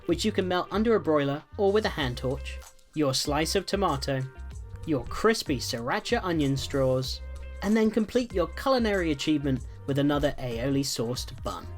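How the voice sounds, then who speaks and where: A man hosting a cooking vlog, walking through a burger recipe in calm voice-over and then tasting it on camera with loud, joking enthusiasm. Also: on the high side, moderate pace, soft background music. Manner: energetic and jokey, exclaims while tasting; calm, steady instruction in voice-over. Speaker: cooking show host.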